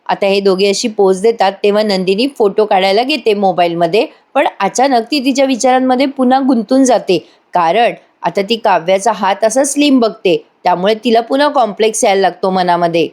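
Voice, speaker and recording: A woman's voice: medium pitch, a little fast, darkish tone. A woman narrating a voice-over recap of a TV serial episode in a chatty storytelling manner, talking to her listeners.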